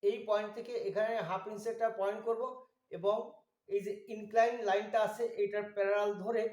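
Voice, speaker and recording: A man giving a slow, methodical drawing tutorial, walking through each step. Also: sits high, level tone, darkish tone, roomy sound. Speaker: drawing instructor.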